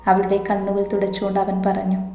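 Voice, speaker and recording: A woman narrating a romance story in a soft, even, unhurried way. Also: mid-range voice, a little hiss or hum. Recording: echoey room, faint music behind.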